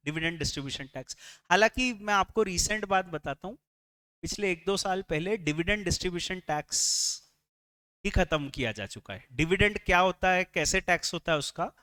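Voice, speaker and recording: A man's voice: high-pitched, sharp tone. A man with an Indian English accent teaching a classroom lecture, explaining step by step, asking the class questions and mixing English phrases into his speech. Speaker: tax lecturer.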